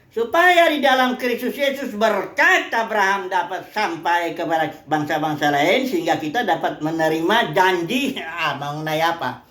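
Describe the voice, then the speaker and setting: A woman's voice: fairly low pitch, moderate pace, fairly bright tone, echoey room. A woman preacher from Indonesia teaching a Bible lesson conversationally, asking questions and answering them herself. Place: place of worship.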